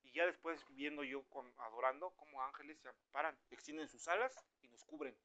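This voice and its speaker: With a Mexican Spanish accent, a man gives a casual, conversational sermon, lively and imitating the voices of those he quotes. His voice runs on the high side and his pace is fairly quick.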